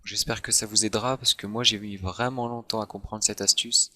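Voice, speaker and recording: Guy doing a screen tutorial, bright forceful voice, kinda low, chill step by step explaining. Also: fairly quick. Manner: relaxed step-by-step explaining, self-mocking asides. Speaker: tutorial host. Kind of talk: screen-recorded software tutorial.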